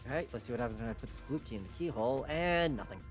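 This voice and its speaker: A streamer playing the game rattles off rapid-fire, excitable, sweary commentary with lively pitch, mixing casual gameplay talk with dramatic read-aloud over background music.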